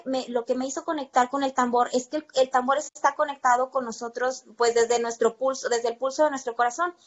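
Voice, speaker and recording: A Mexican woman who teaches percussion is an interview guest, speaking in a slightly high, fairly bright voice on a muffled recording. She tells personal stories conversationally, talkative and emphatic, repeating words for stress.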